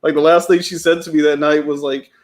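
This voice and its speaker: A young man hosting a relaxed video-call chat, with a slightly high voice for a man. He tells family stories and laughs easily between lines. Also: fast talker. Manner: laughs often, storytelling. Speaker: show host. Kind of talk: casual chat.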